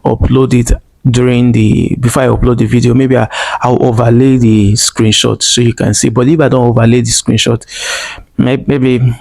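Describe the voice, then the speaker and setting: A man's voice: mid-range voice, gravelly, a little mellow. A man telling a personal story in a vlog, earnest and emotional, repeating phrases and speaking straight to viewers. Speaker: vlogger.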